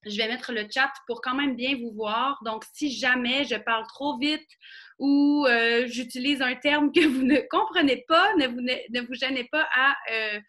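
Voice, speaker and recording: A woman from Quebec with a Québécois accent, talking fast with lots of fillers while giving a training over a video call. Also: high voice, bright, forceful tone. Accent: Québécois French. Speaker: guest trainer. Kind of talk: casual online training talk.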